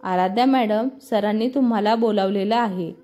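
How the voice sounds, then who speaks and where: A woman's voice: medium pitch, moderate pace, dark tone, faint music behind, natural voice. A woman voicing a deferential young man who works as an office helper. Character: polite young male office peon.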